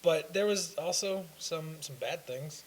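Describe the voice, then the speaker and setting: Young male co-host, a touch higher-pitched, rambling and hesitant, faint hiss behind. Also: measured pace, rough recording. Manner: rambling, hesitant with fillers and restarts. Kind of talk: casual fan discussion.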